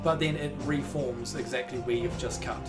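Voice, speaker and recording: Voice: medium pitch, steady tone, moderate pace. A game master hosting and narrating a tabletop role-playing podcast. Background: background music.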